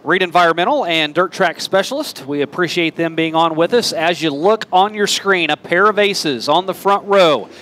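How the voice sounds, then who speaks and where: High-voiced American motorsport commentator, a man. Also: moderate pace, hardly any pauses, a bit bright. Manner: fluent announcer patter with racing slang. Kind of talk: live dirt track race commentary. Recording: noisy outdoor racetrack, engine roar behind.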